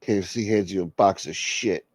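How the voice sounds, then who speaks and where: A man hosting a show, delivering a crude, deadpan comic monologue. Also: deep voice, normal speed, slightly rough, no room sound. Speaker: show host. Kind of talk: rambling comedic monologue.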